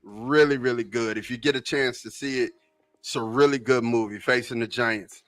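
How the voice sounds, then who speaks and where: A man co-hosting a sports podcast in casual chat, enthusiastic and quick to laugh. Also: medium pitch, steady tone, a bit bright. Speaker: podcast co-host.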